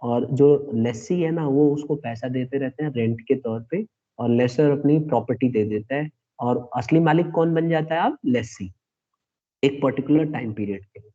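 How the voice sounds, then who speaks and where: A man teaches a class in an explanatory way, pausing to ask if the point is clear. His voice sits at an ordinary middle pitch. The audio is narrow and tinny, like a phone line. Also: mellow. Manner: explanatory, asks checking questions. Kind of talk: classroom lecture.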